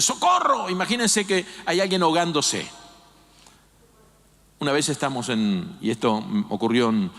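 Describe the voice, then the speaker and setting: An older man preaching a sermon as a pastor, animated and acting out quoted voices. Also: on the high side. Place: church. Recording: long hall reverb.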